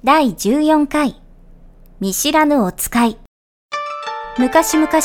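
Lady reading a folktale on a podcast, polite formal tone, quite high pitched. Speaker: podcast co-host and story reader.

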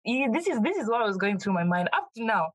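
A young woman from Kenya talking casually as an interview guest, animated and quick to laugh, with frequent restarts. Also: on the high side, husky, no room sound, low-quality recording.

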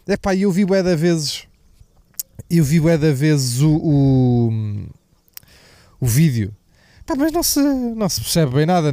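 A man's voice: fairly high pitch, mellow, smooth, no room sound, studio quality. A young man with a European Portuguese accent hosting a podcast, talking in a casual, profane, joking ramble that wanders off topic. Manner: profane, jokey, digressive. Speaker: podcast host. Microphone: mic slipping away from the mouth at times.

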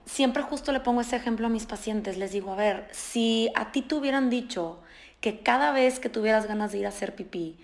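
Animated woman nutritionist. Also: a little high, a little fast. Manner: animated, explanatory, acts out patients' quotes. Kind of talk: casual podcast conversation.

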